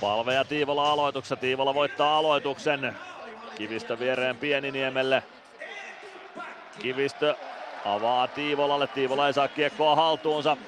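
A man giving radio play-by-play commentary on an ice hockey game from an arena booth, calling the action in quick, steady phrases. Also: mid-range voice, music in the background. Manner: rapid steady play-by-play, rising to shouting at goals.

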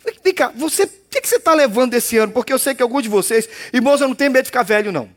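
A male pastor preaches in a playful, teasing, conversational way. His voice sits very high and swoops up and down. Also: animated, racing. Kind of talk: sermon.

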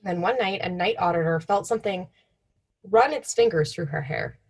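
A woman's voice: on the low side, moderate pace, creaky, slightly rough. A young woman co-hosting in an informal, offhand way, telling stories partly read from notes. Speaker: podcast co-host.

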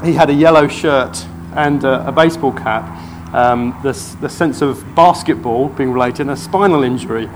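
A man preaching, telling a testimony story in church with earnest excitement. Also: medium pitch, moderate pace, slight background noise.

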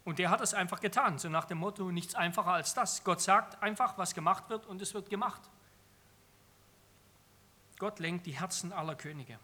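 A man's voice: high-pitched, moderate pace, pushed and bright. A man preaching an earnest sermon on a psalm, emphatic and often repeating phrases for stress.

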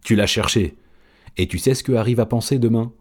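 A man doing a sly, quick tomcat. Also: on the low side, voice pushed up, close to an everyday voice. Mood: teasing. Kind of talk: audiobook reading.

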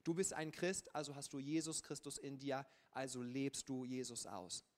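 A man preaching a lively sermon in a conversational, colloquial way, often adding a casual "ja". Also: medium pitch, moderate pace. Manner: colloquial and conversational, with frequent filler ja. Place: church service.

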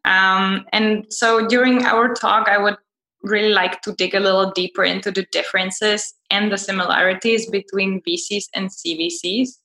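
A woman's voice: medium pitch, steady tone, moderate pace, sharp tone. A woman moderating a podcast interview, with polite, formal phrasing. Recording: roomy, faint music behind.

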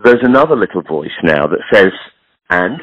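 A man's voice: low voice, sing-song, normal speed, no echo, muffled recording. A man in his sixties, a clothing entrepreneur talking frankly in a casual, rambling way. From British. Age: 60s. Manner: frank, rambling, self-deprecating. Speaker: podcast guest, clothing entrepreneur. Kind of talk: casual conversation.

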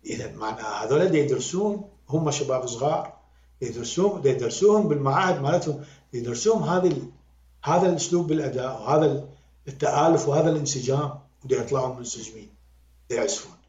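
A man with an Iraqi accent, a music critic and podcast guest, talking in an animated, emphatic way and repeating words to drive his point home. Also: medium pitch, quick pace. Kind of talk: conversational critique. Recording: roomy, dull lo-fi sound.

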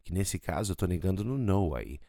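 A man with a Brazilian Portuguese accent teaching English on his podcast, drawing out his example sentences slowly. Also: sits low, lively intonation, mellow, dry recording, studio quality. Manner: slow, drawn-out model sentences in English.

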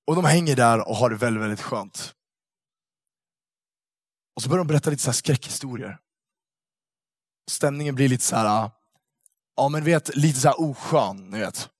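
Young male youth speaker with a lightly raised voice, lively and slangy storytelling, dry recording. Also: a little high, dry recording. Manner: animated storyteller, slangy with lots of fillers. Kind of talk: casual storytelling talk to young people.

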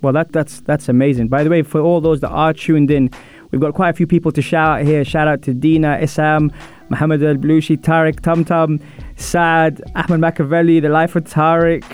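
A man's voice: fairly high pitch, level tone, moderate pace, darkish tone, clean tone. A man hosting a sports talk show, interviewing a guest in a chatty, informal way. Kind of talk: casual radio interview. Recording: music playing behind the voice.

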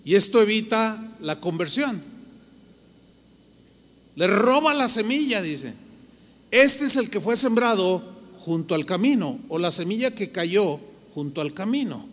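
A man's voice: sits high, a bit bright, in a large hall. A man with a Mexican accent, preaching a sermon to a church congregation in a conversational way. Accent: Mexican Spanish. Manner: conversational preaching, acts out listeners' voices. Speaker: pastor. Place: large church hall.

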